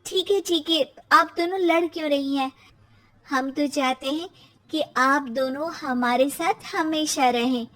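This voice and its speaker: A woman's voice: high-pitched, unhurried, a bit bright. A woman voicing a young, pleading, peacemaking daughter-in-law in a cartoon, earnest and coaxing. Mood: placating.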